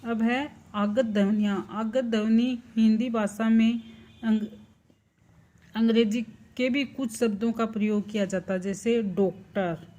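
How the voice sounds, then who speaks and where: A woman teaching a primary class, explaining slowly and deliberately, spelling out sounds one at a time and answering her own questions. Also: a little high, fairly even intonation, mellow. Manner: slow and deliberate, asks the class questions and answers them herself. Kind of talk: slow explanatory lesson.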